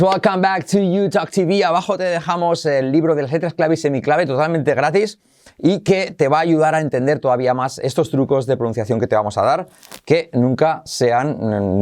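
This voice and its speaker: A man teaching English pronunciation in an online lesson, energetic and repeating phrases slowly for learners to copy. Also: medium pitch.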